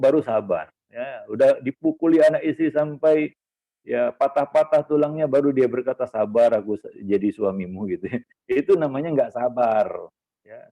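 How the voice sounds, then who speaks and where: A man, an ustaz, giving a homely Islamic parenting talk to fathers, with teasing asides and many fillers. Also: medium pitch. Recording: lo-fi phone-like recording.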